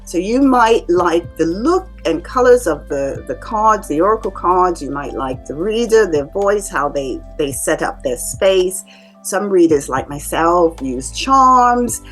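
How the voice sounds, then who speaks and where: A psychic reader and medium explains things to her viewers in casual talk to camera, calm and measured yet with lively rises and drops. Her lowish voice is soothing, with faint music behind it.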